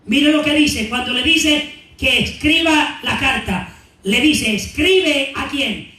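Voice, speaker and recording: A man preaching a Bible teaching to his congregation, asking them questions and answering them himself, and reading scripture slowly and deliberately. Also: very high-pitched, bright, forceful tone. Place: church sanctuary. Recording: echoey church hall, mic at a distance.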